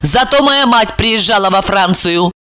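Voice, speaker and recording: A woman's voice: medium pitch, lively intonation, measured pace, bright, forceful tone. A woman reading aloud, voicing a scheming young woman who taunts and mocks her victim. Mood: taunting. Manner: sneering, taunting.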